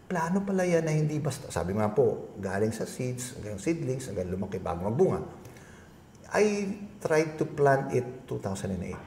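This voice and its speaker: A man's voice: mid-range voice, very animated, moderate pace, darkish tone, roomy sound, slight background noise. A middle-aged man, a guest being interviewed, telling a long personal story in a polite, rambling way with many restarts. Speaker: guest, agribusiness consultant.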